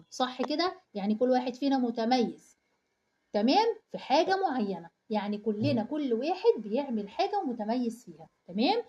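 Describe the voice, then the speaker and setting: Egyptian woman, primary teacher, drills word meanings with questions, higher mellow voice, dull lo-fi sound. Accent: Egyptian Arabic. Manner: asks questions and answers them herself, repeating word meanings. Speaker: primary school Arabic teacher. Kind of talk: online reading lesson for young children.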